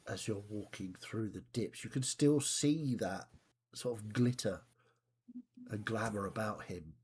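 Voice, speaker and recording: On a live stream over voice chat, a man with a husky, lowish voice runs a tabletop game. He describes scenes in a measured, descriptive way, tosses in asides, and asks the players what they'll do.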